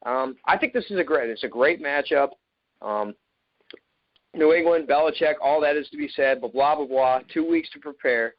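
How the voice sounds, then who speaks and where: A man with a fairly high voice chatting casually on a sports talk show, joking with the others and padding his points with ums. The sound is dry and dull, like a lo-fi recording. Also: normal speed, no room sound. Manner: joking, filler-heavy.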